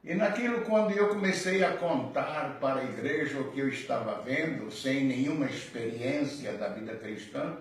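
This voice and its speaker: An older man, a pastor, telling his personal testimony in a slow, earnest way. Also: medium pitch. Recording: very echoey, distant mic.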